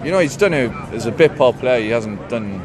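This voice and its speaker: A man's voice: medium pitch, expressive, fairly quick. A man giving a blunt, wry football opinion with colourful comparisons. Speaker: football fan interviewee. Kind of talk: casual opinion. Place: outdoors on a busy street. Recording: crowd chatter behind.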